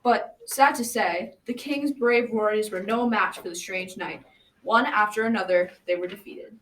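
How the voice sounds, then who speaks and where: Lightly acting, a young teenage girl voices an old, folksy grandfather telling a tale to his grandkids in scripted storytelling for school radio. Her voice is medium in pitch, fairly bright, at normal speed, picked up from a distance amid clear background noise.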